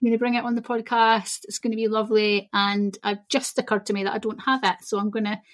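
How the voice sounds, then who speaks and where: A woman's voice: mid-range voice, flat delivery, fast, a bit bright. A Scottish woman, a shamanism teacher, talking casually as a podcast guest, chatty and laughing easily. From Scotland. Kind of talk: casual interview chat.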